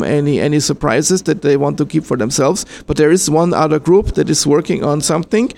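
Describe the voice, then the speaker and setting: Austria-born man, slightly higher voice, thoughtful interviewee who hesitates a lot. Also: vocal fry, darkish tone, slight background noise. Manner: hesitant, many ums and restarts. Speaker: interviewee, fan filmmaker. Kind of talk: casual interview answers.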